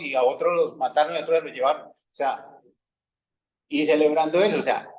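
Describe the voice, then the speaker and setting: A male pastor with a Colombian accent delivers a sermon in a conversational, storytelling manner, often pausing to check that his listeners follow. His voice sits somewhat high for a man. He acts out the voices of people in his everyday anecdotes. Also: rough recording. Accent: Colombian Spanish. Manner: conversational preaching with frequent "¿sí?" checks; acts out quoted dialogue in everyday stories.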